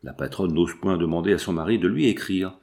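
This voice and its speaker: A man reading the lines of a kindly old working woman in a novel, gentle and plain-spoken. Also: low-pitched, brisk, voice pushed down.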